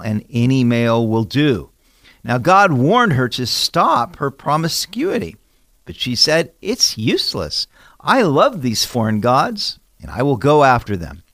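A man delivers an expository sermon, reading scripture and then explaining it with emphatic rhetorical questions. His voice sits a touch higher than most men's and moves up and down a great deal as he stresses key words. The recording is dry and close, with no room sound. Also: fairly bright tone, no room sound. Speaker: Bible teacher.

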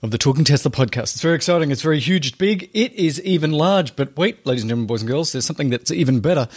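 A man's voice: a little high, a little mellow. A man hosting a podcast, giving casual, chatty news commentary with playful showman flourishes and joking, colloquial asides. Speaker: podcast host.

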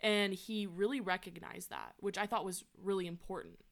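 A woman chatting casually about a movie, enthusiastic and quick to laugh. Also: mid-range voice, animated, vocal fry. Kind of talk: casual chat about a film.

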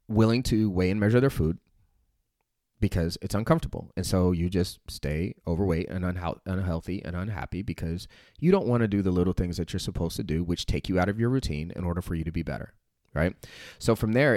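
A man's voice: fairly low pitch, darkish tone, dry recording, studio quality. A man giving a fired-up motivational talk about fitness, peppering it with "like" and "right?" and casual swearing. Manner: intense, swears casually, many "like" and "right?" fillers. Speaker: fitness company owner.

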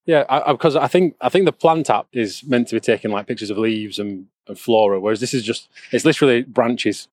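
A man's voice: medium pitch, a little fast, hardly any pauses. A man chatting casually on an outdoor walk, rambling and stumbling over his words with frequent laughter. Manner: rambling, stammers and repeats himself, laughs often. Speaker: co-host.

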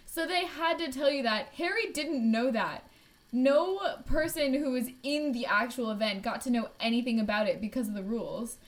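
A woman's voice: fairly high pitch, moderate pace. A woman co-hosting a podcast in casual chat, laughing often and teasing with exasperation. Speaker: podcast co-host.

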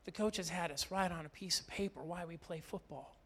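Man preaching, loud then hushed. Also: brisk, husky. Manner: swings between loud emphatic preaching and low confiding storytelling. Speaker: pastor. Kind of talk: sermon.

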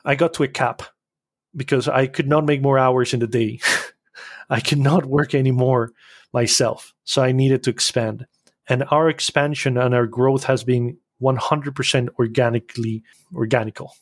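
Brief: man, guest, animated quick talker, mid pitch, dry. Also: dry recording. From Costa Rica. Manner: animated, quick bursts with restarts. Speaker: podcast guest, business owner. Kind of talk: casual interview talk.

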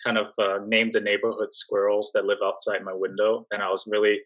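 A young adult man from Singapore, speaking as a guest in a casual interview, relaxed and full of fillers and restarts. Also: fairly low pitch, fairly quick, highs cut off. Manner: relaxed, many fillers and restarts, laughs softly. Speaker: job-seeking guest.

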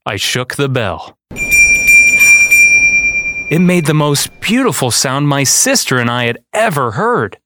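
A man reading a children's picture book aloud in a deliberate, dramatic storytelling style. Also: mid-range voice, very animated, fairly bright tone, slight background noise. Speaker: storyteller and podcast host.

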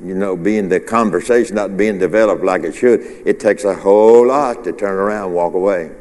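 Pastor, male, low voice, loose conversational preaching with call-and-response, reverberant sanctuary. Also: brisk, darkish tone. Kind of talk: informal midweek sermon. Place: church sanctuary. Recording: long hall reverb.

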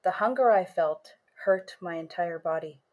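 Woman storyteller, first-person tale, measured and unhurried, lingers on images. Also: lowish voice, a little mellow, dull audio. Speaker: author and storyteller.

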